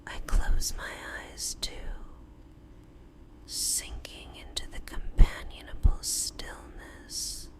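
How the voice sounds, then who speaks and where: A woman in a whispered role-play as a tender, devoted girlfriend, speaking soothingly in a breathy, unvoiced whisper with drawn-out pauses. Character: tender, devoted girlfriend lulling her lover to sleep.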